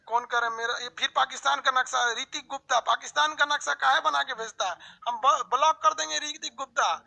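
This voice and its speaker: A man teaching an online map lesson, drilling country lists in quick runs and joking with viewers' comments. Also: very high voice, steady tone, creaky, sharp tone, poor audio. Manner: brisk drilling, calls students "babu", joking asides.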